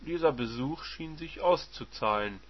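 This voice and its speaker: A man reading a first-person story aloud in a wry, measured narrating voice, on a dull lo-fi recording. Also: a little high, lively intonation. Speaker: audiobook narrator.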